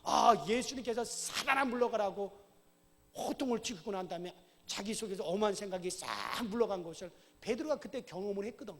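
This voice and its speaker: A man preaching a sermon as pastor to his congregation in a church, often checking in with a quick "eh?" and rising into loud commands. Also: high-pitched. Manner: asks the congregation "어?" often, shouts commands at Satan. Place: church sanctuary. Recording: long church hall reverb.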